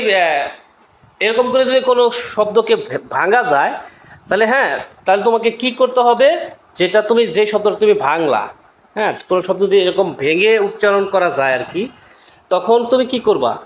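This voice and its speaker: A man's voice: high-pitched, a bit bright, roomy sound, a little hiss or hum, rough recording. A man teaching an exam-prep lesson in a chatty way, repeating points and often checking in with his students. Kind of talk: casual video lesson.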